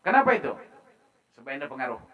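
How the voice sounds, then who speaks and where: A man giving a religious talk at a mosque forum. He preaches with lively swings between loud emphasis and quiet asides, and acts out everyday dialogue to make his points. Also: medium pitch, quick pace, low-quality recording. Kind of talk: Islamic religious talk to a congregation.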